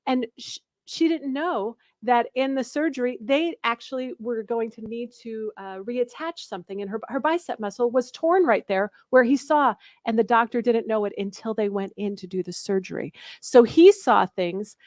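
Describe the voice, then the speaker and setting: A woman's voice: a little high, moderate pace, few pauses, darkish tone, no room sound, clean studio sound. A woman in her forties, a guest author and coach on a radio talk show, telling a story and acting out the dialogue.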